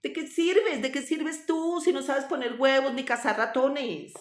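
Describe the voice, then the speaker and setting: A woman's voice: high voice, measured pace, pitched above the performer's own voice. A woman doing a scolding cat and hen. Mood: scornful. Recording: roomy echo.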